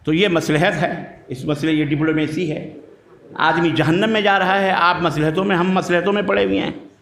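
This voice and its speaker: A man's voice: on the high side, steady tone, normal speed, gravelly, fairly bright tone. A man, an Islamic scholar, answering audience questions in a blunt, emphatic preaching manner. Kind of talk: religious Q&A talk. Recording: echoey room.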